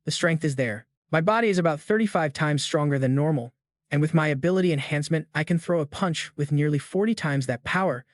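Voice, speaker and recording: Man doing a cold young fighter, calm, contemptuous, slightly high voice. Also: fairly quick, dry recording, studio quality, natural voice.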